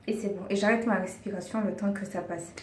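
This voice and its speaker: Speaking a language that isn't her first, this woman occasionally hunts for words while offering sincere, encouraging beauty tips to viewers she often addresses as girls. She talks a little fast in a darkish, mid-range voice with fairly even intonation, and the audio has a roomy echo, distant mic, and faint background hiss.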